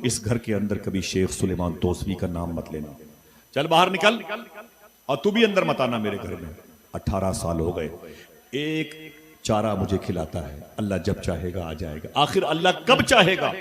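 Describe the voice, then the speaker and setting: A man voicing an angry, grieving wife who scolds her husband in shrill outbursts, with a crowd behind. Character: furious grieving wife, middle-aged woman.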